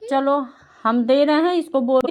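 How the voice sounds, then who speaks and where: A woman with a high voice gives a patient home lesson to a young child. She asks question after question and repeats each answer so the child follows along. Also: measured pace. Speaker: tutor teaching a child. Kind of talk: home tutoring, Hindi lesson.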